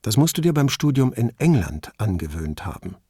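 A man's voice: on the low side, big pitch swings, normal speed, dark tone, breathy edge, no room sound. A man voicing a middle-aged police commissioner who speaks with dry, ironic understatement.

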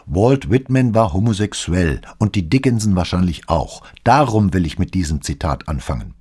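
A man voicing a sharp-witted middle-aged woman, a literature professor, who asks brisk, indignant questions in an audiobook reading. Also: low voice, expressive, husky. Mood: pointed.

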